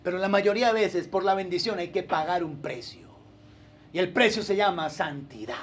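A man's voice: sits high, normal speed, a little hiss or hum. A male pastor, preaching a sermon and acting out churchgoers in playful voices. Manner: animated, acts out churchgoers in funny voices.

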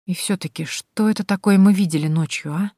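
A woman's voice: mid-range voice, brisk, mellow, no echo, clean studio sound, natural voice. Woman voicing a flustered, shy heroine. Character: warm, easily flustered woman, shy and wondering.

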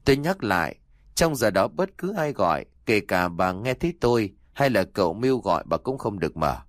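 A man's voice: fairly low pitch, big pitch swings, moderate pace, dry recording, clean studio sound. A man voicing a stern old male exorcist who gives solemn, commanding instructions.

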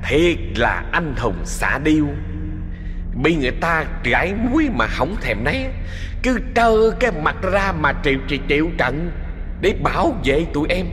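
A man's voice: fairly high pitch, measured pace, big-room sound, faint music behind, pitched above the performer's own voice. Man doing a stammering long-tongued ghost. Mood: flattering. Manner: stammering, flattering. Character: stuttering fawning male long-tongued ghost.

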